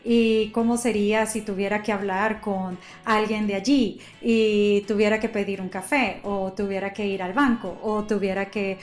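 A woman's voice: medium pitch, fairly even intonation, normal speed, few pauses, soft background music. A woman in a casual conversation, reflectively explaining her ideas at length and asking questions. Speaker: conversation partner.

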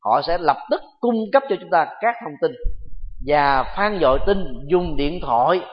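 A Buddhist monk gives a dharma talk in a fairly high, lively voice that rises and falls widely. He speaks in measured, deliberate phrases with pauses between them. The recording is dull and lo-fi, with a long reverb trailing off each phrase as if in a large hall.

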